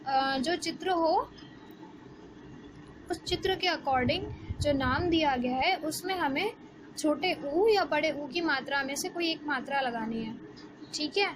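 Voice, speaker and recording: A woman, teaching a Hindi lesson to young children and asking the class questions as she explains slowly. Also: sits high. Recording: background noise.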